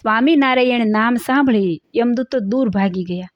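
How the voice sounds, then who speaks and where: A woman narrates a devotional moral story, preachy and cautionary. Her voice is fairly high, and the recording is dull, dry and close. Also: moderate pace, no room sound.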